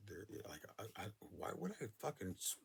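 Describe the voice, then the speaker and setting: A man from Northern California with a very deep, gravelly voice tells his own stories. His husky tone stays intense and earnest, and he swears freely as he talks. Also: very animated, a little fast. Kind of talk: personal storytelling.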